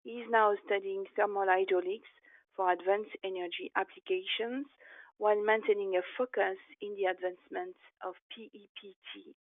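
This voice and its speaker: A woman's voice: medium pitch, steady tone, moderate pace, dry recording. A woman moderating a webinar, reading out a speaker introduction steadily, with occasional fillers. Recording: dry, tinny call audio.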